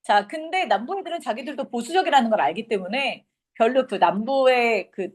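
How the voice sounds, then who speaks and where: A woman's voice: fairly high pitch, expressive, fairly quick. A young woman teaching an English class, lecturing casually and quizzing her students.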